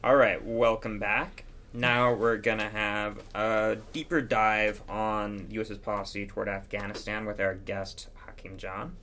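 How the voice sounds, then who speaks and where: A man hosts a podcast in a lowish voice. He asks simple, friendly questions and moves the talk along. Faint noise hums in the background. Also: flat delivery, measured pace, bright, forceful tone. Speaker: podcast host. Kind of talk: podcast interview hosting.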